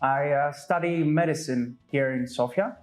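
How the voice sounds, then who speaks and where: A man's voice: fairly high pitch, a little slow, soft background music. A man, chatting as a guest in a barber's chair, thoughtful and hesitant with many fillers. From Crete, Greece. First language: Greek. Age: 20s. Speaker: guest, medical student. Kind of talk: casual chat.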